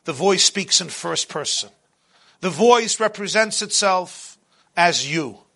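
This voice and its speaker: A man giving a motivational sermon as a religious speaker, with dramatic, emphatic phrasing and deliberate repetition. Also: sits high, animated, creaky, fairly bright tone.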